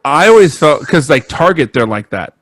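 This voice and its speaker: A man's voice: on the high side, very animated, moderate pace, a bit bright, no echo. Ranting, profane young man. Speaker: podcast co-host. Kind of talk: casual chat.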